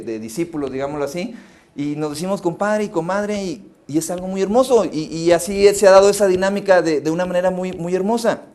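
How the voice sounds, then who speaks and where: A man's voice: fairly high pitch, a little mellow. A Mexican man preaching at a pastors' conference, telling stories in a conversational way with many restarts. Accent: Mexican Spanish. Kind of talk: conference sermon. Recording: live phone stream of a sermon.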